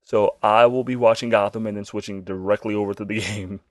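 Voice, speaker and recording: A man co-hosting a casual chat, animated and swearing freely. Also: lowish voice, a little fast, no room sound, clean studio sound. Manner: animated, swears freely, puts on silly quoted voices. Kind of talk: casual chat about comic book shows.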